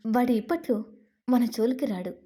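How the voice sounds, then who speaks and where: A woman gives voice to a young wife who is soft, caring and quick to worry. Her tone is mellow and rather high, and she is a storybook figure. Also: animated, close to an everyday voice. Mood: soothing. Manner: worried, softly coaxing.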